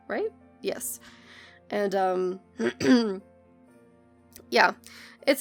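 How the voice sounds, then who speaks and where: American woman, sick with bronchitis, rough gravelly voice, loose rambling voice-over, faint music underneath. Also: medium pitch. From United States. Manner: rambling, lots of ums, self-correcting. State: hoarse from bronchitis, coughing. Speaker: game builder narrating a speed build. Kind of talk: casual chatty voice-over. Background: soft background music.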